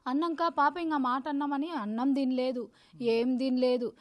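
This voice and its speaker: A woman's voice: high-pitched, steady tone, normal speed, darkish tone. A woman speaking as the sister of a missing man in an emotional news interview, aggrieved and pleading, often breaking off and restarting words.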